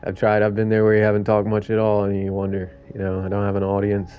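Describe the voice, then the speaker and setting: A man's voice: on the low side, monotone, fast talker, mellow, smooth. A man streaming a game, giving rambling, chatty commentary and laughing at himself. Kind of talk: casual gameplay commentary. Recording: muffled lo-fi audio, faint game music.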